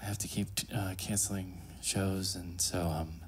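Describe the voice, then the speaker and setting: A man in his thirties doing casual stand-up into a stage mic, with a hesitant, awkward deadpan delivery. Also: low-pitched, a little slow, slightly rough. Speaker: stand-up comedian and ventriloquist. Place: small comedy club stage. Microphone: handheld and stand stage microphone. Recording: noisy live comedy club.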